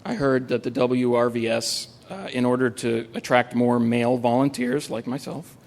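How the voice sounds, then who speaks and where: A man's voice: mid-range voice, fairly even intonation, normal speed, vocal fry, darkish tone. A man telling a true story on stage at a live event, with a wry, dry humor and frequent "uh" fillers. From United States.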